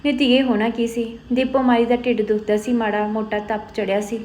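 A woman voicing a stubborn older village aunt who is in pain, speaking in a strained, husky voice. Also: on the high side, level tone, normal speed, darkish tone, natural voice.

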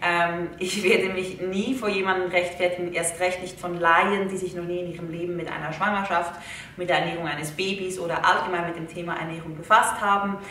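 A young woman with a bright, forward voice explains things casually to her viewers, talking in a chatty, earnest way. She sounds a little low for a woman and sits some distance from the mic in a very echoey living room. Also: fairly even intonation, a little fast, a little hiss or hum. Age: young adult. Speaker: video host. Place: living room indoors, seated in an armchair.

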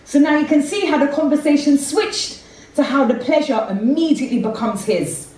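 With a high, expressive, slightly mellow voice at normal speed, a woman performs street-inflected spoken word into a handheld mic. The setting is a theatre stage with red curtains. Captured by a far camera, she sounds distant in a heavily echoing hall.

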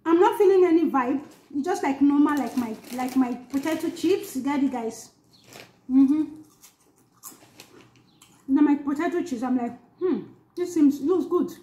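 A woman's voice: high voice, normal speed, long pauses, dark tone. A woman in her thirties giving a casual snack-tasting review, thinking aloud and murmuring as she crunches chips. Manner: musing aloud while crunching chips, murmuring mm and hmm between phrases. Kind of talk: casual food-tasting vlog. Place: small bare indoor room. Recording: echoey room, clear background noise, crinkling packets. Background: crinkling chip bags, crunching, noise.

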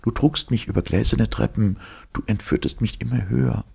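A man voicing a gentle, fearful young woman born of starlight, speaking softly and tenderly in a husky, gravelly voice raised well above his own. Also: on the low side, normal speed, pitched above the performer's own voice, exaggerated voice. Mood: dreamy. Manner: soft, tender, wondering. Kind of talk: audiobook reading.

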